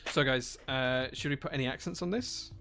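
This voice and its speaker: A man's voice: medium pitch, fairly quick, creaky, sharp tone, faint music behind. A man hosting a live stream, chatting casually, reading out viewer chat and thanking people as he works. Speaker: livestream host building keyboards.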